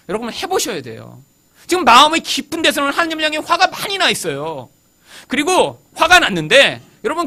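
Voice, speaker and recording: 교회에서 설교하는 남성 목사로, 회중에게 자주 질문을 던지고 기도와 성경 구절 속 말을 직접 연기하듯 들려준다. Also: male voice, sits high, sharp tone. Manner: asks the congregation questions, acts out quoted prayers. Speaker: pastor. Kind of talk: sermon.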